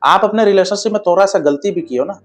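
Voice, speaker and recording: Man, relationship advice talk, blunt and chatty, checks the viewer keeps up, a bit high-pitched, soft music behind. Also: fast talker. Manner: blunt, keeps asking "understand?" and calling viewers brother.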